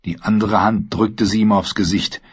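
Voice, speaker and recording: Guy reading an audiobook, low husky voice, kinda muffled lo-fi sound. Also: steady tone, normal speed. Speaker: narrator. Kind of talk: audiobook narration. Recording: dull lo-fi recording.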